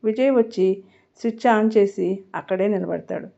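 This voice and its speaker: A woman reading a serialized story aloud in a steady, dramatic way. Her voice is mellow and dark. The recording is dull and lo-fi. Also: medium pitch, moderate pace, creaky. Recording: muffled lo-fi recording.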